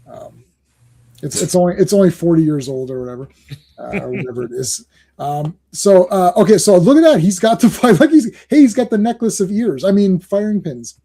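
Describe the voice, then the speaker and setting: Brief: male podcast host, somewhat high and mellow voice, excitable and rambling, laughs a lot. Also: brisk. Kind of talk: casual chat, reviewing comics.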